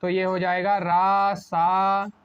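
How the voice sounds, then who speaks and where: High-voiced male teacher, lo-fi sound. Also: fairly even intonation. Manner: asks a question and answers it himself, slowing on the correct word. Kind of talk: exam-prep spelling lesson at a board. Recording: dull lo-fi sound.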